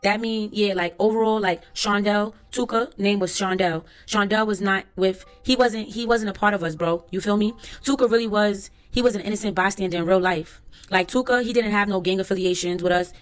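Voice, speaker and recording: A woman reading aloud a court transcript as the words of a young male witness, in a plain, unhurried voice full of street slang, with faint music behind her. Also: mid-range voice, close to an everyday voice.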